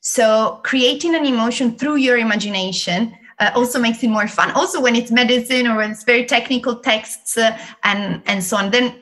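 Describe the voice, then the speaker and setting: A woman with an Italian accent, a guest in an interview, explaining learning techniques in a lively way and laughing often. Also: on the high side, moderate pace, few pauses. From Italy. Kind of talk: interview conversation.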